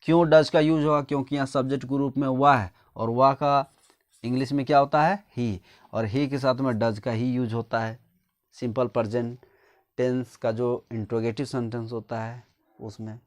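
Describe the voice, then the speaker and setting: A man from India, an English teacher, explains English grammar step by step in a medium-pitched voice with fairly even intonation at normal speed. He poses his own questions and answers them, and dictates example sentences word by word.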